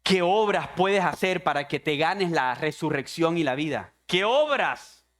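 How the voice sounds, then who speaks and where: A man's voice: a little high, lively intonation, measured pace, a bit bright. A man preaching a sermon as pastor, impassioned and speaking straight to the congregation as his brother. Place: church.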